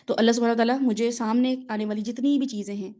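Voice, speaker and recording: A woman with a fairly high, mellow voice gives a conversational religious lesson. She explains patiently through everyday examples and keeps checking that her listeners follow. The recording sounds slightly dull and lo-fi. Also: fairly even intonation. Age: adult mother of children. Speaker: religious teacher.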